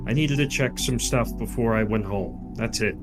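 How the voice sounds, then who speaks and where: A man's voice: on the low side, moderate pace, close to an everyday voice. A man voicing a startled male doctor, his own tabletop game character, talking in a flustered, stammering way. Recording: music bed underneath.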